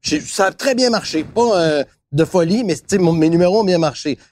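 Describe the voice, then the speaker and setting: A man in casual chat, rambling and halting, with many restarts. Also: sits high, expressive, darkish tone. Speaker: comedian guest.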